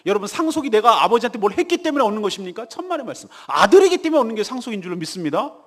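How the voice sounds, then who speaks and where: Emphatic pastor with a high, lively voice. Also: male voice, rapid-fire, long reverb tail. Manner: emphatic, asks the congregation rhetorical questions. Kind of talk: morning devotional sermon. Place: church sanctuary.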